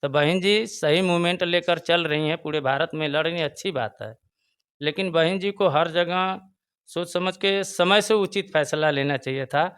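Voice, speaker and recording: A man with a Bhojpuri-tinged Hindi accent speaks earnestly in an interview, his voice slightly high and notably clear and resonant. He circles back to his main points and presses them harder as he goes. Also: moderate pace, fairly bright tone. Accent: Bhojpuri-tinged Hindi of eastern Uttar Pradesh. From Chandauli, Uttar Pradesh. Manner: earnest, repeats his points, rises in emphasis. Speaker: local party booth president, interviewee. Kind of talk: casual political opinion interview.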